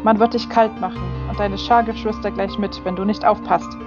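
A woman's voice: mid-range voice, fairly even intonation, normal speed, natural voice. A hard, battle-worn female angel used to giving orders, speaking in clipped, urgent commands, as a woman reading an audiobook puts her on. The sound is a little dull, with faint music underneath. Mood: scolding. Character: stern commanding older female warrior angel.

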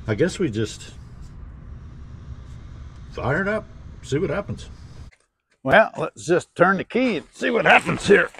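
A man's voice: mid-range voice, a bit bright. A man working on an old car outdoors, talking to himself with dry jokes as he works. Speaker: garage vlogger. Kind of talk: casual working commentary. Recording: noisy outdoor recording with engine and ambient noise. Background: outdoor ambience and car engine noise.

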